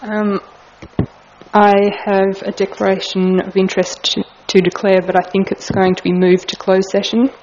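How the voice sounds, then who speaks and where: A woman, a councillor who raises matters in a measured way at a council meeting. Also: mid-range voice, flat delivery, a little mellow. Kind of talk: formal meeting remarks. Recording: dull lo-fi recording with faint noise.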